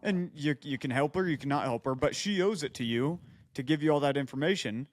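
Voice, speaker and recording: This podcast co-host has a fairly high, brisk male voice. He banters and reads aloud on a casual comedy podcast, repeatedly interrupting his own reading with quips and asides.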